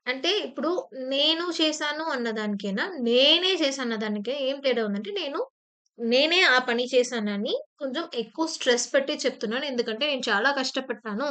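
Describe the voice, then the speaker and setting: A woman teaching an online exam-prep grammar class, her voice sitting a little high. She explains patiently, circles back with repeated examples and little fillers, and now and then punches a word hard for emphasis. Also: a little fast, fairly bright tone. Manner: acts out short example phrases with sudden emphasis. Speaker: English teacher. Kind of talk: exam-prep lecture in Telugu mixed with English terms.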